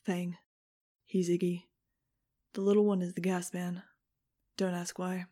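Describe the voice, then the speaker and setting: Terse winged teen boy, quiet and dry, few words; a woman reads him. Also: lowish voice, flat delivery, measured pace. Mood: low-key. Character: guarded teenage boy with wings, terse.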